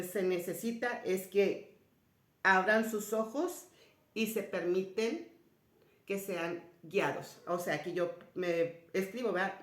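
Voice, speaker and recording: A woman giving a spiritual personal testimony to an audience, retelling conversations and often dropping to a soft, low voice. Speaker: speaker sharing a personal story. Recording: roomy echoey sound.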